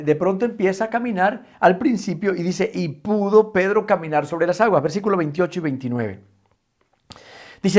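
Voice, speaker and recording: A man with an Ecuadorian Spanish accent teaching a Bible study, telling the story with animated voices and dropping to a soft, low voice on key points. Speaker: pastor leading a Bible study.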